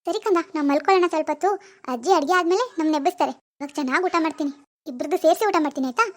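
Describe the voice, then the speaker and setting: A woman's voice: high-pitched, very fast, pitched below the performer's own voice, lightly acted. A woman voicing a grieving young woman who believes she is still pregnant, childlike, dreamy and stubborn. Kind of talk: animated family drama voice acting.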